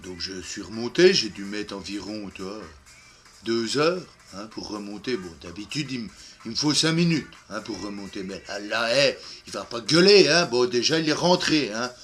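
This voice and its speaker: A man's voice: fairly low pitch, lively intonation, moderate pace, a bit bright, soft background music. A man playing a lonely, boastful, boozy man in a comic monologue, rambling with constant fillers and trailing off into mumbles.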